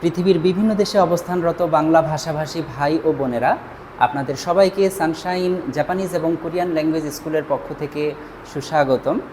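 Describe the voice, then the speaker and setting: A man who teaches a Japanese language lesson. He stops often with "ah" and says the Japanese words slowly and louder, then repeats them. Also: a little high.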